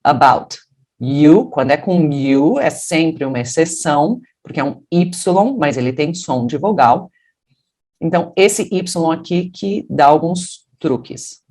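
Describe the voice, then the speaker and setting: A woman from Brazil teaching English pronunciation, explaining patiently and then modeling English words in a deeper voice. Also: expressive, measured pace, warm tone. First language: Portuguese. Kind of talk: pronunciation lesson.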